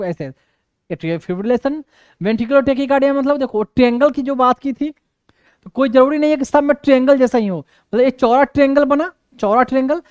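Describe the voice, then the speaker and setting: A man's voice: very high-pitched, a little mellow, clean tone, no room sound, clean studio sound. A man lecturing on medicine, repeating his points for emphasis and often checking that students follow. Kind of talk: classroom explanation.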